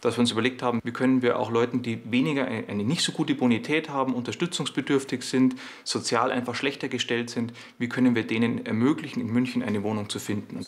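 A man's voice: mid-range voice, fairly even intonation, quick pace, few pauses. A man who works as an estate agent, speaking hesitantly with fillers in an interview. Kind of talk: interview statement.

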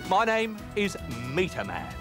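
A bright, chirpy meter reader from an educational TV sketch, his voice bouncing all over the place and set a little high. He talks in a sing-song way, with music playing behind him. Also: huge pitch swings, a little slow, full character voice. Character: cheerful male meter reader character.

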